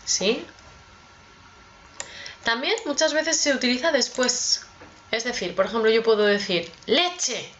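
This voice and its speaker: A woman teaching a lesson on expressions, slow and patient, often checking in with her students. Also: on the high side, animated, fairly bright tone, slight background noise. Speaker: Spanish teacher. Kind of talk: explaining expressions with examples. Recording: dull lo-fi audio.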